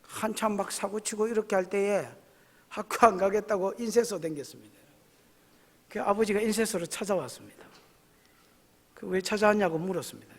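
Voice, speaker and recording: A male pastor with a high voice preaches at a moderate pace with long pauses during a church service. His sermon is folksy and emphatic, often putting questions to the congregation, and the church hall echoes.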